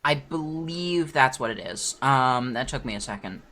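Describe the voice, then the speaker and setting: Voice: mid-range voice, expressive, normal speed, pushed and bright. A streamer chatting casually while working, rambling and distracted, swearing now and then, talking with food in the mouth. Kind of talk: casual livestream chat.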